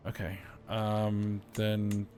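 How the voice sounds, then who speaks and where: A man's voice: on the low side, completely flat delivery, very slow, dark tone. Man thinking aloud over a strategy game. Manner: thinks aloud, often says "all right". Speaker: strategy game let's-player. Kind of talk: casual gameplay commentary.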